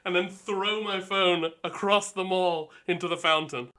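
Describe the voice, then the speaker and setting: Man, tabletop player, high pitch, very bright tone, playful. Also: fairly even intonation, unhurried. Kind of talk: in-character improv play.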